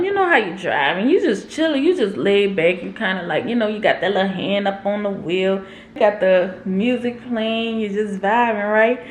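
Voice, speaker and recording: A young woman vlogger telling a story in a casual, animated, expressive way. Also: medium pitch, a little hiss or hum. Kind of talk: storytime vlog. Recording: roomy echo.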